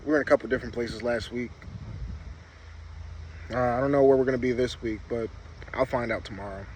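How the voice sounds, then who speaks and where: A man's voice: medium pitch, steady tone, fairly quick, darkish tone. A man vlogging in a laid-back, rambling storytelling style, his words slightly muffled by a lip packed with chewing tobacco. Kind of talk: casual storytelling chat to camera. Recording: clear background noise, vehicle ambience.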